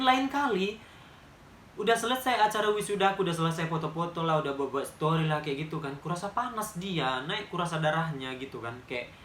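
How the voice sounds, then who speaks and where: A man's voice: high voice, a bit bright, a little hiss or hum. A young man in his twenties with a Medan accent, telling a story to camera in a chatty, emphatic way. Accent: Medan Indonesian. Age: 20s. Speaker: vlogger. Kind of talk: casual storytime monologue. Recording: roomy echo.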